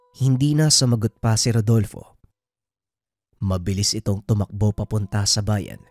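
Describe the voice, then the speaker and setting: A man narrating a true horror story in a steady, scripted way. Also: lowish voice, dry recording.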